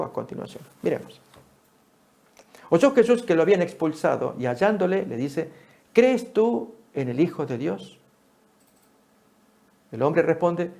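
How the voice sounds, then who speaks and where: A man preaching a Bible study sermon, speaking to his listeners as friends and jumping up in pitch when he quotes a speaker. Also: creaky. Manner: animated, rises sharply for quoted speech, addresses listeners as friends.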